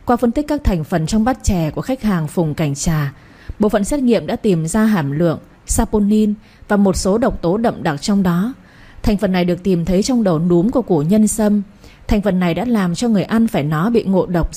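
A woman's voice: medium pitch, normal speed, dark tone, husky, lightly acted. A woman voicing a young man reading a formal report aloud.

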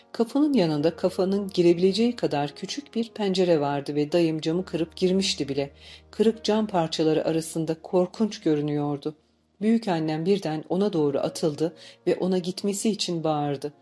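Mellow woman narrating an audiobook. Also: lowish voice. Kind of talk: scripted narration.

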